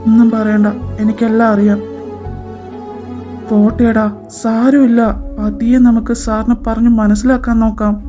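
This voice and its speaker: A woman's voice: a little high, little pitch movement, moderate pace, long pauses, warm tone. A woman voicing all the characters of a fan audio drama, moving between worried, soothing and brooding voices. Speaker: fan fiction narrator voicing all roles. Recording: muffled lo-fi home dub. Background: background music.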